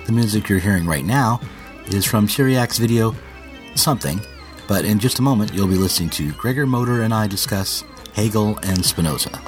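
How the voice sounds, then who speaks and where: A man hosting a podcast, reading a scripted introduction and then chatting loosely with his guest, often halting. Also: on the low side, expressive. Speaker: podcast host and publisher. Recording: faint music under the intro.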